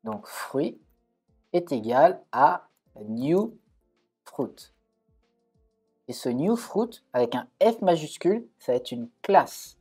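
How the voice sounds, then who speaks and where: A man's voice: a little high, expressive, slow pace, long pauses, warm tone, slightly rough, faint music behind. A man giving a live-coding tutorial at his computer, thinking aloud with frequent hesitations and self-corrections. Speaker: coding streamer.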